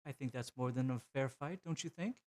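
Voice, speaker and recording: A man voicing an honor-bound male warlord who speaks with calm, courteous menace in a tabletop game. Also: medium pitch, fairly quick, lightly acted.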